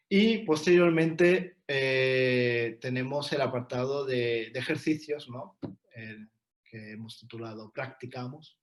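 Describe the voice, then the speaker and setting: Hesitant man presenting over a call. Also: medium pitch. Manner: hesitant, many fillers and restarts. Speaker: co-author presenting a textbook. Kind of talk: online book presentation talk.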